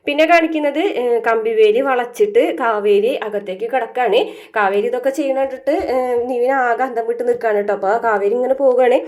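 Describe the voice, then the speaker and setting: Woman, casual recap host: quick, slightly high, mellow tone, loose chatty retelling full of fillers. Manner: rapid storytelling with frequent filler sounds and tag words. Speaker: serial recap vlogger. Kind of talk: casual spoken episode recap.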